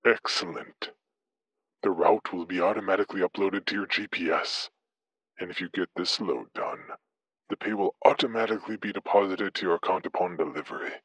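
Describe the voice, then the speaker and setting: A man voicing an otherworldly, disembodied voice speaking over a CB radio, calm and formal like a business dispatcher. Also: low-pitched, breathy edge, dry recording. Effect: distant disembodied radio voice. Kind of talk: horror story narration.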